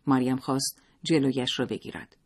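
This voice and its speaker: A man narrating a story in a steady, measured storytelling manner. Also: medium pitch, husky.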